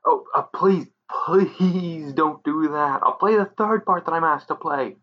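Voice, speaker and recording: A man's voice: low-pitched, sing-song, a little slow, exaggerated voice. A man voicing a timid, nervous extra who stutters and pleads. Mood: pleading. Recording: muffled lo-fi recording.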